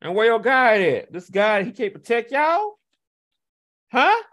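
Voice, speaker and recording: Very animated, this man delivers a hostile tirade full of goading rhetorical questions and scoffing chuckles. His delivery shifts from loud taunts down to low, unhurried muttering.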